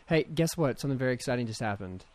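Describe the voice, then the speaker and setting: An upbeat man hosting a podcast, chatting casually and teasing his friends with easy laughter. His voice sits at a middle pitch and sounds dry and close to the mic. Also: lively intonation, no echo. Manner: upbeat, quick to laugh and tease. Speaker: podcast host. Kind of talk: casual chat.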